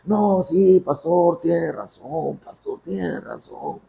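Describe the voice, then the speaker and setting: A man's voice: sits high, slow, creaky, dark tone, full character voice. A man voicing a pleading woman churchgoer. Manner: apologetic, begging.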